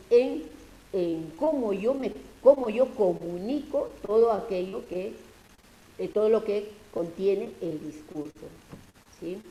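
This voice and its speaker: A woman's voice: medium pitch, mellow, reverberant, poor audio. A woman teacher with a Peruvian Spanish accent, lecturing her class over a video call and explaining step by step with many tag questions.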